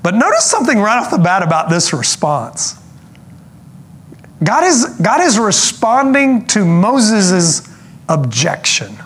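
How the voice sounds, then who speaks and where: Earnest preacher man, slightly high voice. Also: very animated, a bit bright, slightly rough. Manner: earnest preaching, slows for emphasis, with asides. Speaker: pastor. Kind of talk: sermon.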